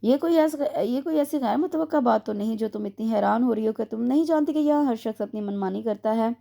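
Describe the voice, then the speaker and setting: A woman's voice: on the high side, a little fast, gravelly, mellow. A woman voicing a bitter, harsh young man. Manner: harsh and cutting.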